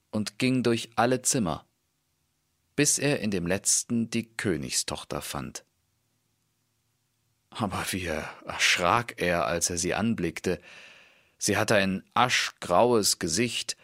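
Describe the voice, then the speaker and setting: A man reading a fairy tale aloud in a calm, measured storytelling manner. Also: sits low, no room sound, studio quality.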